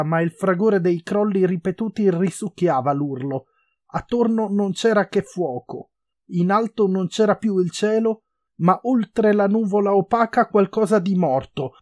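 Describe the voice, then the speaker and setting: A man's voice: high voice, moderate pace, darkish tone, no echo, clean studio sound. Man reading a novel dramatically. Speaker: reader. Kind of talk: reading a novel aloud with comment.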